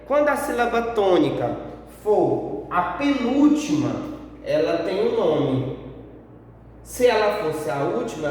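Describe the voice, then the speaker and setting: A man's voice: sits high, far from the mic, slight background noise. A male teacher with a Brazilian accent giving a grammar review lesson, stretching out the syllables of example words and answering a pupil's question himself. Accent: Brazilian Portuguese. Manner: slow, drawn-out syllables for examples. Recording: echoey room, voice from off-mic.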